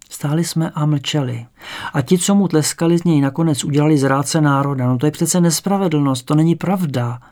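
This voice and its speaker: A man calmly reading a memoir-style story aloud as an audiobook narrator. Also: on the high side.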